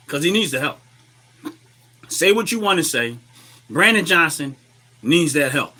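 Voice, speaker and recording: Slightly sick man hosting, bright forceful voice. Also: a little high. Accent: American. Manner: colloquial, opinionated, repeats phrases for emphasis. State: a little under the weather, clearing throat. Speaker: livestream host. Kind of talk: casual livestream political commentary.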